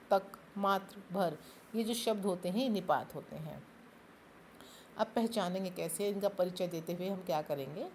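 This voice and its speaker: A woman's voice: medium pitch, slight background noise. A woman teaching a grammar lesson, explaining step by step and asking and answering her own questions. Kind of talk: classroom-style grammar lesson.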